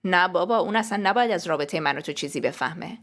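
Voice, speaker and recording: A woman's voice: fairly low pitch, expressive, a bit bright. A woman reading the lines of a cold, evasive young man in an audiobook, speaking dismissively.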